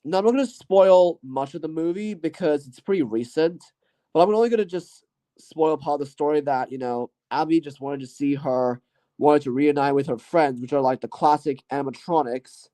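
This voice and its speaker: Speaking at normal speed with a fairly high, mellow voice, a man on his own channel recaps his year and reviews films. His talk is loose and unsure, full of hedges, trailing sentences, "you know," and "I guess."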